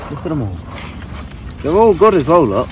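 A young man, excitedly chatting and joking with his father while magnet fishing outdoors. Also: fairly high pitch, moderate pace. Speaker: magnet fishing vlogger, son. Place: outdoors by water. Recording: loud outdoor background noise.

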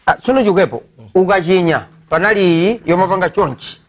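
A man's voice: high voice, animated, brisk. A middle-aged Malawian man hosting a live sports phone-in show in a TV studio.

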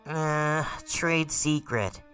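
A woman's voice: deep voice, extremely slow, a bit bright, clean tone, faint music behind, heavily acted. A woman voicing an earnest, suspicious young male hedgehog time traveler in a comic dub. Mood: flustered. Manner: blunt, urgent, easily flustered.

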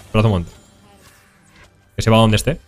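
With faint music in the background, a young man with a Spain Spanish accent streams his game, speaking quickly in a lowish voice. He keeps it casual and slangy, talking directly to his chat.

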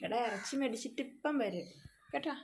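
High-voiced woman cooing to a puppy. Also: animated, brisk, background noise. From Kerala, India. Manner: coaxing, repetitive, cooing to a crying puppy. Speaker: dog owner vlogger. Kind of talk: soothing baby talk to a pet dog.

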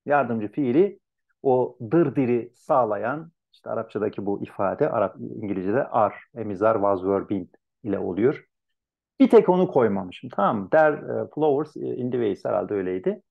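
A man teaching an Arabic translation class online, animated and lively, acting out students' complaints in a raised voice. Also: mid-range voice, normal speed, vocal fry, phone-quality sound. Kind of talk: online lecture.

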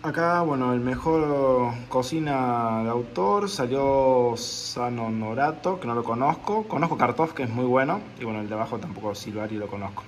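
A young Argentine man, a food and travel vlogger, records a casual reaction video on a phone held at arm's length in a small room at home, with faint background hiss. His middle-pitched voice is lively in intonation, moderately paced and nearly pause-free, chatty and offhand as he keeps repeating that he doesn't know the places.

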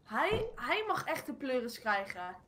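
A woman's voice: fairly high pitch, sing-song, a little slow, bright, forceful tone. A woman in a gaming voice chat, agitated and complaining, swearing as she talks. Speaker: fellow player in voice chat.

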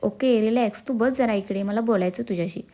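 Mischievous young wife from a storybook, read by a woman, sly and teasing. Her voice is mellow and soft-edged. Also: medium pitch, brisk, close to an everyday voice. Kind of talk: storybook character reading.

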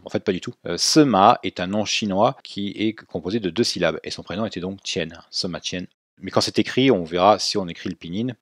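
A man teaching a language lesson, explaining clearly and slowing right down to model words for students to repeat. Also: low-pitched, no echo, clean studio sound. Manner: clear didactic explaining, slow drawn-out model pronunciations for repetition.

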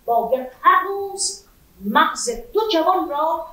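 A woman's voice: very high voice, animated, bright, forceful tone. A middle-aged woman with an Iranian Persian accent performs epic teahouse storytelling in a theatrical, declamatory manner on stage. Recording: echoey auditorium, distant microphone.

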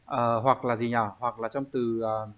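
A man teaching an online language lesson, explaining step by step at an unhurried pace and thinking aloud with pauses. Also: mid-range voice, little pitch movement, narrow, tinny audio. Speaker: Japanese teacher.

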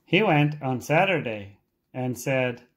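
Reading a storybook aloud for learners, this English teacher uses a mid-range voice and deliberate, expressive, emphatic phrasing.

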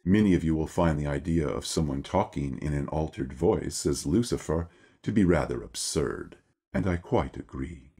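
A man voicing Lucifer, a lofty male devil figure, through an electronic filter that makes his voice deep, speaking in a formal, measured, wry lecturing tone. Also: warm tone, breathy edge, heavily acted. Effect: electronically altered deep voice. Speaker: video producer. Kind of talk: scripted monologue.

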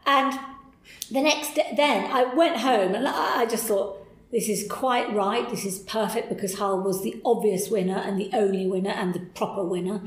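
A middle-aged woman, a podcast interview guest, telling a candid story in an animated, enthusiastic way, with laughs and restarts. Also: mid-range voice, moderate pace. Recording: roomy echo.

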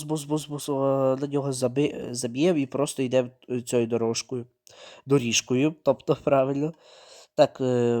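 A man giving running gameplay commentary, narrating his own moves, repeating words and breaking into sudden excited outbursts. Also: medium pitch. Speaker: mobile game streamer.

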